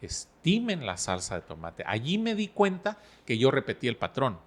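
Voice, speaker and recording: A middle-aged man talks as a podcast guest. He speaks in a calm, measured voice at an ordinary pitch. He unpacks his ideas through personal stories and everyday analogies. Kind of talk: relaxed podcast conversation.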